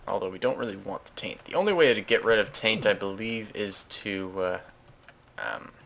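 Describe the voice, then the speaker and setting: Gaming host, male, lowish gravelly voice, loose self-correcting chatter over gameplay, faint keyboard clatter behind. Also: sharp tone, a little hiss or hum. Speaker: Let's Play host. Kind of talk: casual gameplay commentary.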